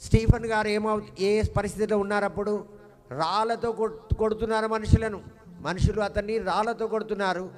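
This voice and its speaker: A male pastor delivers a sermon in a somewhat high voice. He keeps asking the congregation questions and repeats key words for emphasis. His voice rings with the long reverb of a large hall over faint background music. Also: steady tone, a little fast. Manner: call-and-response, questioning the congregation with emphatic repetition.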